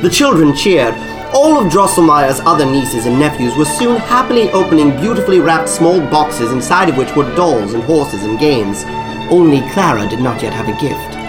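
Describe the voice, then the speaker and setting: A man's voice: fairly high pitch, sing-song, moderate pace, over music, poor audio. A man narrating a story in a storytelling manner. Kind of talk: scripted narration.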